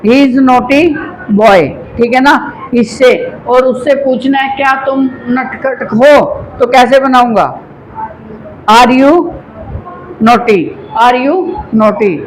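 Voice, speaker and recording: A man's voice: extremely high pitch, steady tone, slow pace, a little hiss or hum, low-quality recording. A man teaching English grammar to a classroom of students in Hindi with a Haryanvi accent, coaching them patiently and calling them "beta". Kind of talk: classroom lesson.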